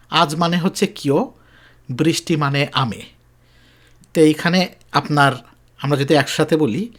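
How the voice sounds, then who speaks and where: A Japanese teacher explains phrases patiently, repeating each example slowly with emphasis. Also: mid-range voice. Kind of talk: explanatory language lesson.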